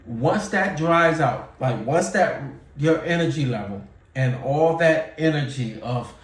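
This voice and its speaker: This forties-aged YouTuber delivers casual, honest advice in a talking-head video, chatty, repetitive and full of fillers. His fairly high voice is expressive and a bit slow, captured at a distance with a roomy sound.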